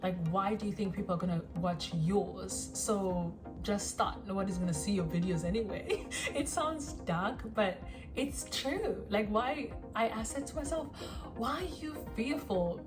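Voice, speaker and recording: A woman in her twenties from South Africa, introducing herself to the camera in a rambling, self-conscious vlog with lots of ums and pauses, recorded on a phone. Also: medium pitch, music in the background. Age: 20s. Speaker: vlogger.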